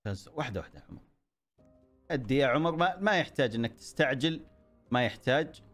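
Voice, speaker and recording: A man giving excitable commentary over his own gameplay, cheering himself on and joking with his viewers. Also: medium pitch, fast talker, faint music behind. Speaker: gaming YouTuber.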